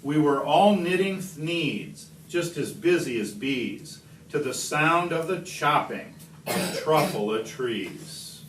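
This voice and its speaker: A man reading a rhyming picture book aloud expressively, with deliberate, emphatic phrasing and dramatic stresses. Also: on the high side, animated, fairly bright tone. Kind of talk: expressive storybook read-aloud in rhyme. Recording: distant mic, echoey room, background noise.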